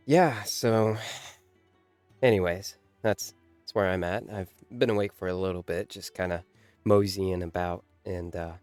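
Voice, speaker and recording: A man's voice: low-pitched, darkish tone, clear, resonant tone, no echo. A man who just woke up, talking to viewers of his game videos in a rambling, laid-back way, his voice a little tired. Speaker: VTuber gaming commentator. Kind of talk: casual chat to viewers. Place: at home.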